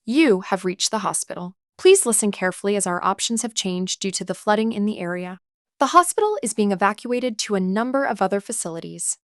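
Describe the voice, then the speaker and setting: A woman's recorded phone greeting played back, read as a calm, clear scripted announcement. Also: medium pitch, no room sound, studio quality.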